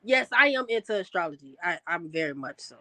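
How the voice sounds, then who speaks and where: A woman in casual group chat, animated and teasing, laughing often. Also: lowish voice, fairly quick, no echo, rough recording.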